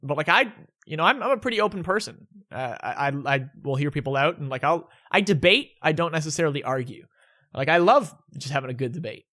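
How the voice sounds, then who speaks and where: This young man's fairly high voice is bright, forceful and animated, moving a little fast. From indoors at home, he fields viewer questions in a casual, laid-back vlog, rambling and often restarting sentences as he corrects himself.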